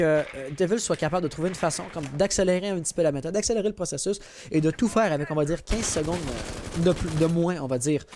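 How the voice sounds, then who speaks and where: A young man casting an esports match with play-by-play commentary, excitable and rising sharply at big plays. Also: on the high side, a little hiss or hum. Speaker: esports caster.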